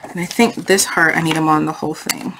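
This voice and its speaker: At a craft table indoors, a woman with a low, steady voice hosts a casual craft tutorial at a brisk pace. She thinks aloud in a chatty, easygoing, unscripted way, and the home recording is noisy with clicks.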